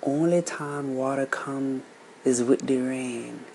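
A man voicing a stern old grandmother telling a tale, with a gruff, scolding drawl. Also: mid-range voice, fairly even intonation, slow, mellow, a little hiss or hum, low-quality recording.

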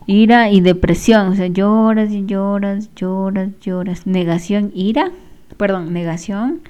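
A woman's voice: mid-range voice, mellow. A woman, a spiritual healing therapist, giving casual advice to viewers and repeating phrases for emphasis.

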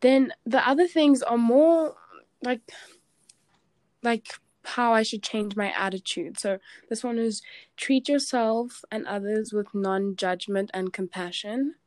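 A woman's voice: a little high, slow, darkish tone, no echo, clean studio sound. A young woman, co-hosting a casual podcast chat, talking loosely with lots of "like". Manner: chatty, peppered with "like". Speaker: podcast co-host.

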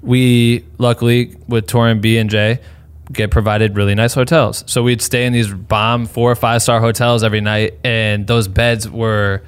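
A man's voice: medium pitch, level tone, moderate pace, clean tone. A young man hosting a podcast, chatting casually and rambling in slang, laughing often. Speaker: podcast host. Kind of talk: casual podcast chat with ad read.

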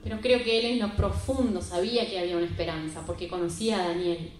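A woman's voice: fairly low pitch, steady tone, fast. A woman preaching a sermon and retelling a Bible story in an emphatic, conversational way. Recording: very echoey room with faint music.

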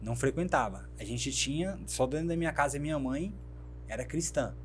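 A man's voice: mid-range voice, brisk, soft background music. A man from Brazil, a brand founder, telling his life story in an interview and acting out the voices of people in it. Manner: animated storyteller who acts out quoted dialogue. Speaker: guest, fashion brand founder.

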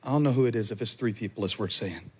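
A man preaching a sermon as a pastor, in a rhythmic style that stacks repeated phrases and climbs to shouts. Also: fairly low pitch, quick pace, slight background noise.

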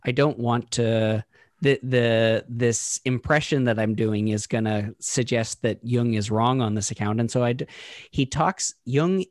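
A man's voice: mid-range voice, no room sound. Thoughtful man musing aloud, very dry sound. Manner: thoughtful, halting, many restarts and fillers. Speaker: podcast co-host. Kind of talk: casual conversational discussion.

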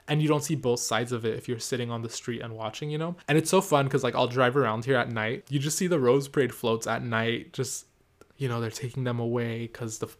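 An excitable man talking alone into his podcast mic, rambling and full of fillers as he hops from story to story. His pitch sits in an ordinary middle range for a man. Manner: excitable, rambling, lots of "like" and laughs. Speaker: podcast host. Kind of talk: solo casual podcast chat.

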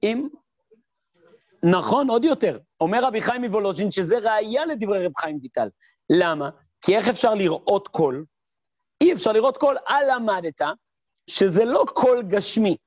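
Giving a Torah lesson, this rabbi has a high voice captured in a dry, clean studio recording. He tells stories animatedly with sound effects and imitated voices, posing rhetorical questions and answering his own questions.

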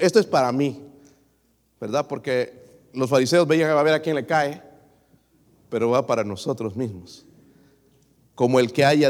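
Pastor preaching in a reverberant church. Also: male voice, on the high side. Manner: addresses the congregation as brothers, asks them questions. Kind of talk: sermon. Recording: long reverb of a hall.

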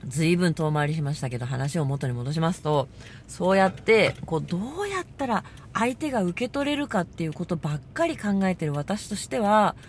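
A woman hosting a casual monologue, telling a story with lively delivery and acting out the voices she quotes. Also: lowish voice, moderate pace, a little hiss or hum. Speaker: podcast host.

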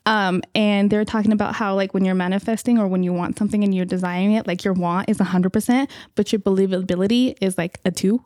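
Mellow-voiced woman, dry close sound. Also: mid-range voice, fairly even intonation, quick pace, few pauses, dry recording. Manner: storytelling, acts out her son's lines. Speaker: podcast co-host. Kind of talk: casual chat.

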